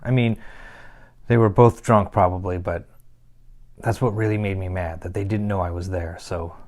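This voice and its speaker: An actor playing a troubled young man who confides a painful past in a halting dramatic monologue broken by pauses. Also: deep voice, steady tone, a little mellow, natural voice. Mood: confessional.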